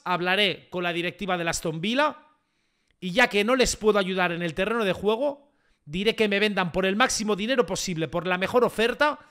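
A man giving excitable gameplay commentary, repeating phrases and bursting into shouts. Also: high voice, clean tone. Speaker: gaming YouTuber.

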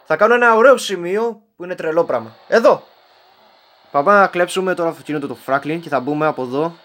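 A young man with a fairly high voice runs a casual let's-play commentary. He jokes constantly and talks straight at the characters on screen. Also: fairly bright tone. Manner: joking, talks to game characters. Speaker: gameplay commentator.

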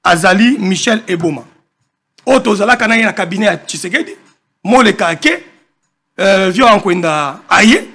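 A high-voiced man with a husky edge talks politics with fire. His tone is bright and sharp as he hammers his points home, repeating phrases for emphasis. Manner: animated, emphatic, mixes French and Lingala. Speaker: political guest. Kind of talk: impassioned political talk.

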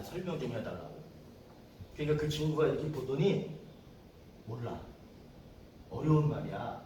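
A middle-aged male pastor telling stories in a conversational sermon, sometimes shouting quoted lines. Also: medium pitch, slight background noise. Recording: echoey room from a distance.

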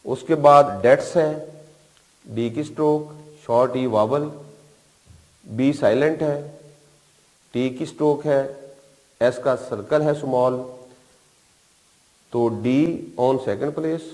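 A man's voice: mid-range voice, slow pace, pauses often, darkish tone. A man from Pakistan with a Pakistani accent, teaching a shorthand class at a board, explaining patiently step by step and repeating key terms. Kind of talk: board lecture. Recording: long reverb in a hall-like room.

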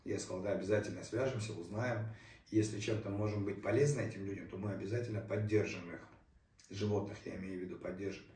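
An animal park host talks casually to his viewers while filming, effusively showing off the pets and their trainer and repeating his words a lot. He has a lowish, mellow voice with fairly even intonation and a fast delivery. He's recorded from a distance in an echoey room with background noise.

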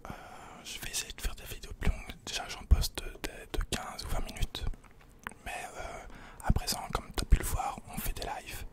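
This is a Belgian man doing a question-and-answer in an unhurried ASMR whisper, his breathy voice picked up up close by a desk condenser mic. The setting is a small indoor attic.

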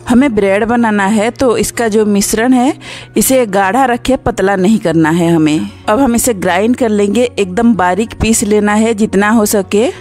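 Mellow-voiced woman explaining a recipe. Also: mid-range voice. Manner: calm step-by-step instructional. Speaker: cooking channel host. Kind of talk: recipe voice-over narration.

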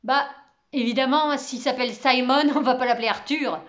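A woman's voice: high-pitched, fairly even intonation, moderate pace, muffled recording, close to an everyday voice. A woman voicing a big schoolboy who grumbles and sounds baffled. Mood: grumbling.

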